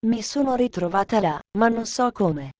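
A woman voicing a shy, homesick little girl who speaks softly in a storybook reading. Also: a little high, lively intonation, moderate pace, dry recording, highs cut off, lightly acted. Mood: wistful.

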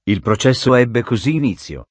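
A man reading a storybook aloud in steady, measured narration. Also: mid-range voice, dry recording.

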